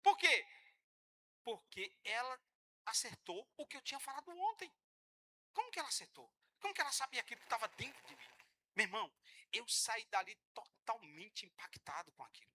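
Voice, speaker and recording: A man preaching a sermon in church, animated and joking with the congregation, often acting out the voices of church members. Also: very high voice, normal speed, slight background noise. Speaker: pastor.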